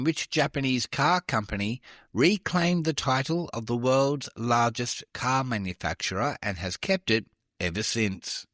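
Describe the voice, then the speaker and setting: A man's voice: mid-range voice, a bit bright, no room sound. A man hosting a trivia podcast, reading questions with chatty, self-deprecating asides. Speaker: quiz podcast host.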